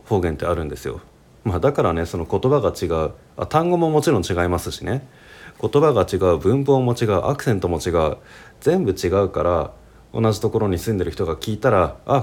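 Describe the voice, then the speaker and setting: A man teaching Japanese to learners. He talks slowly and clearly, with many fillers, and later switches to his regional dialect accent. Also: low-pitched, darkish tone.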